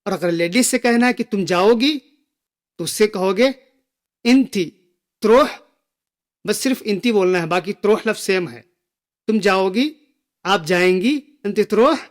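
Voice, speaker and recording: A man teaching a spoken language lesson, slowly repeating each phrase for learners. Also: high-pitched. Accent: Gulf Arabic phrases within Hindi speech. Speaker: Arabic teacher.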